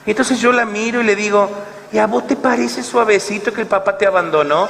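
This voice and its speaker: A man with an Argentine accent preaching, telling a story in an animated way and acting out both sides of a dialogue. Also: sits high, a little fast, vocal fry, a little hiss or hum. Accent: Argentine Spanish. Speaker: lay preacher. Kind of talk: storytelling sermon. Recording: long hall reverb, faint ambience.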